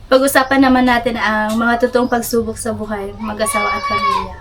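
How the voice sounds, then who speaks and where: A woman's voice: on the high side, little pitch movement, fairly quick. A young woman hosting a casual vlog interview, asking patient prompting questions. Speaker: vlogger, interviewer.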